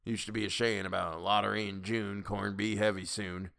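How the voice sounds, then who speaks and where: A man voicing a grumpy, stubborn old village elder who speaks gruffly and petulantly. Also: lowish voice, level tone, a little fast, fairly bright tone. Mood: scornful.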